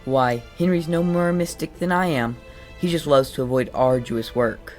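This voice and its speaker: A man plays a kindly, avuncular professor in a radio drama. His medium-pitched voice is genteel and formal, with faint music behind. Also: natural voice. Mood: genial, courteous. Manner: genteel, measured, formal phrasing. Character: courteous, avuncular male professor, kindly mentor. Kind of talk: dramatic radio play acting.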